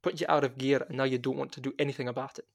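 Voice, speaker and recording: A man voicing a loud, cheerful Scottish woman who runs a bookshop, speaking in a booming, boisterous way. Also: level tone, very fast, creaky, close to an everyday voice. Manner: bellowing, boisterous.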